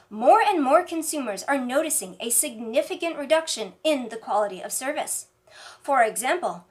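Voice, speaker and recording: High, lively woman reading mock news. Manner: deadpan newsreader delivery. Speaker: news parody anchor. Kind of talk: scripted mock newscast narration.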